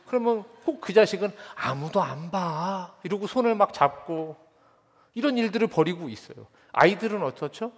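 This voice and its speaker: A male pastor preaching a sermon, his voice a touch higher than most men's and bouncing all over with expression. He tells stories animatedly and slips into impressions of kids and teens. The sound carries a long reverb from a large church sanctuary. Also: brisk. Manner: animated storytelling, mimics children and teens.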